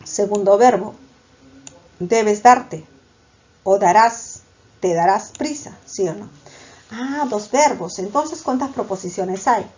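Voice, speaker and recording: Woman, classroom lecture, warm mellow tone, slightly dull recording, keeps checking understanding. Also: medium pitch. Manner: explains step by step, often checks understanding with quick questions. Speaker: language teacher.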